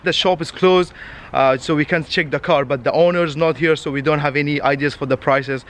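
A young man in his twenties vlogs while walking through an outdoor car lot, holding the camera at arm's length and pointing out cars in chatty, non-native English. His voice is fairly high and fairly bright, steady in tone and brisk. Faint street noise sits in the background.

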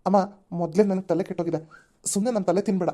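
A woman's voice: on the low side, steady tone, rapid-fire, dark tone, natural voice. A woman voicing a moody, self-pitying young husband in a cartoon. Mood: irritated. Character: young married man, moody office worker.

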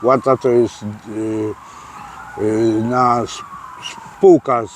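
Slow, hesitant man answering questions. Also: mid-range voice, steady tone, slight background noise. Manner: hesitant, many fillers and restarts. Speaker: interviewee explaining prison slang. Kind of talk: casual interview answers. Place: outdoors by a street.

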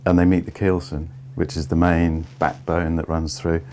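A man in his fifties giving a measured, step-by-step tour of an old barge's wooden hold. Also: deep voice, level tone, darkish tone, slight background noise. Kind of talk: explanatory walking tour.

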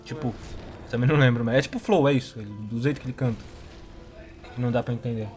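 A man's voice: mid-range voice, fast, darkish tone, faint music behind. A young man with a Brazilian Portuguese accent, chatting casually in slang with a slushy, tongue-tied lisp and muddy diction. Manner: slangy, laughs often. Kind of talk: casual chat over gameplay.

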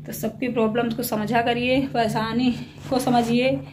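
Alone at home with a handheld phone, a middle-aged small family vlogger rambles casually and confidingly to her audience, sounding tired, unwell, and a bit short of breath. She speaks at normal speed in a slightly high, somewhat mellow, flat voice, and the phone recording is clearly noisy.

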